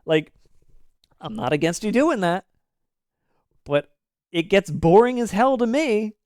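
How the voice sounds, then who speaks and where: A man's voice: sits high, lively intonation, a little slow, a little mellow, smooth, no room sound, clean studio sound. A man in his thirties streaming a game live, talking in an opinionated, ranty way with casual swearing.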